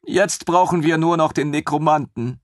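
A man voicing an eager, naive young male lieutenant in a fantasy audiobook, talking in an excitable, pompous way. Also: a little high, normal speed, no echo, studio quality, pitched above the performer's own voice, natural voice. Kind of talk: audiobook character voice.

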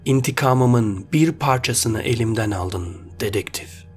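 A man's voice: lowish voice, fairly quick, darkish tone, soft background music, natural voice. A man voicing a vengeful male hunter who growls his words. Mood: cold.

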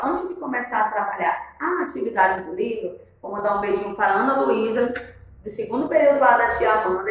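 A woman with a Brazilian Portuguese accent teaching a video lesson to small children in a sing-song way, recorded in a classroom on a camera a few metres away. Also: a little high. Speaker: preschool teacher. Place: indoor classroom, standing before a whiteboard. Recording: very echoey classroom, distant mic.

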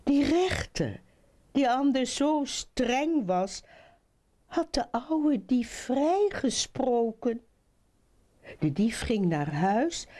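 A woman reading children's stories aloud in an expressive, animated storytelling manner. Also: a little high.

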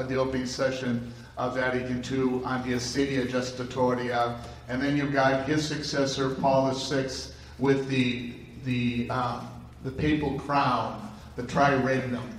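An older man, a Jesuit priest, giving an animated lecture with many ums and restarts into a handheld mic. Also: medium pitch, a little hiss or hum. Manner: animated, gestures widely, many fillers and restarts. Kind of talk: conference lecture. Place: large conference room with audience. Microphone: handheld microphone, far camera. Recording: echoey hall, heard from far off.

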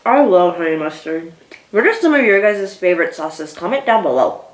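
A young woman chatting casually as she eats on her video, pausing, her mouth burning from spicy food. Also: fairly low pitch, animated. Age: young adult. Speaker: mukbang video host. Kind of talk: casual chat while eating. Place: small room indoors. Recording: echoey room, distant camera mic.

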